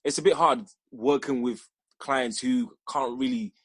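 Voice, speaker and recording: A man's voice: medium pitch, unhurried, a bit bright, slightly rough, no room sound. A young man from Ghana, a filmmaker being interviewed, talking in a loose, rambling way with frequent restarts. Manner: rambling, restarts often, laughs easily. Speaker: filmmaker guest. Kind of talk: casual interview chat.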